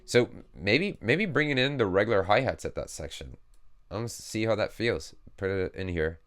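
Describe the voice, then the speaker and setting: This man, a music producer, casually narrates his process while working, keeping things relaxed and explanatory like a tutorial. His voice is on the low side, at a moderate pace.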